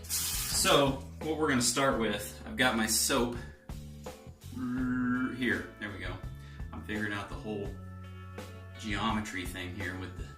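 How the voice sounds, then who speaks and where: A man's voice: fairly low pitch, steady tone, a little slow. Casual vlogger, man, rambling how-to chat in a tiled bathroom, heard from a little way off with faint music behind. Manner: joking, rambling, thinks aloud while working. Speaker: vlogger demonstrating a shave. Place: home bathroom. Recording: echoey bathroom, far from mic, faint music.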